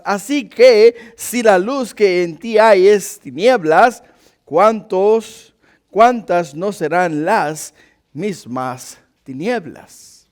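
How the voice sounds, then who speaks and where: Croaky frog-voiced male preacher. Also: sits high, a little mellow. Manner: emphatic, with deliberate repetition and questions to the congregation. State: hoarse. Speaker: pastor. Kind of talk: sermon with prayer and scripture reading.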